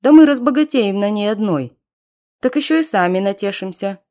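A rowdy, greedy male raider, exclaiming loudly and eagerly, as a woman reading an audiobook puts him on. His voice climbs high and loud with coarse excitement. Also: moderate pace, close to an everyday voice. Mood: gloating. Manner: boisterous, exclaiming.

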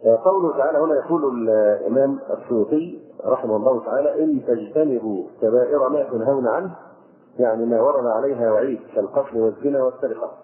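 Fast-talking male scholar, tinny recording. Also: mid-range voice. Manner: explains verses line by line with fillers. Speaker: Islamic scholar. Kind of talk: religious lesson on scripture.

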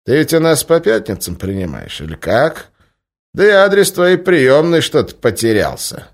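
A man voicing a calm, sarcastic male outlaw who keeps his composure. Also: medium pitch, measured pace, voice pushed up. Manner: unruffled and sarcastic.

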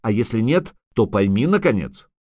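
A man's voice: on the low side, very animated, moderate pace, dark tone, dry recording, studio quality. A man voicing a haughty female sorceress who speaks in a cutting, commanding way. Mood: sharp.

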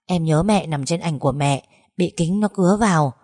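A woman voicing a gentle grandmother who soothes and coaxes in a spoken story. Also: low-pitched, normal speed, dry recording, studio quality. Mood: soothing. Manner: soothing, coaxing murmur.

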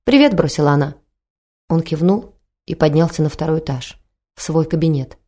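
Low, mellow woman reading a story. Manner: calm, measured storytelling. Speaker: narrator. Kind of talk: scripted audiobook narration.

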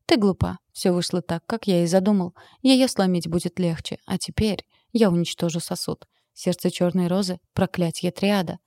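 A woman voicing a contemptuous old male werewolf villain in an audiobook, speaking slowly and with scorn. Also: lowish voice, dark tone, no echo, studio quality, natural voice. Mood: menacing. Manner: slow, scornful, menacing.

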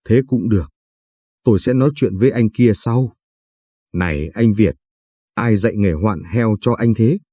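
A man's voice: on the low side, normal speed, pauses often, dark tone, dry recording, clean studio sound, close to an everyday voice. A man voicing a hot-tempered elderly father-in-law who scolds his sons-in-law in long angry tirades. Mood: stern. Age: older.

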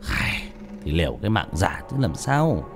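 A man voicing a resolute old exorcist who speaks in a grave, calm, resigned way, in an audiobook. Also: deep voice, normal speed, faint music behind, pitched below the performer's own voice.

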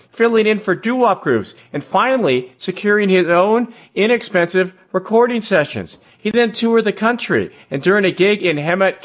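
A man with a fairly high, slightly husky voice hosts a radio show. He reads his scripted narration in a smooth, measured storytelling way.

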